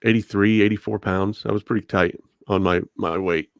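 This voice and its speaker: Close on a desktop condenser mic fitted with a pop filter, a middle-aged man tells stories casually as a podcast interviewee. His voice sits on the low side, steady and moderately paced, with no room sound, recorded indoors in a home room with a bookshelf.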